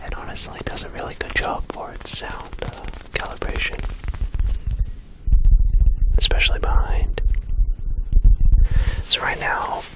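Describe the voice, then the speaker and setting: An ASMR creator with an Australian accent, whispering softly into a close desk microphone in a small home studio, rambling with many fillers. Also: measured pace, pauses often, rough recording. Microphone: close USB desk microphone.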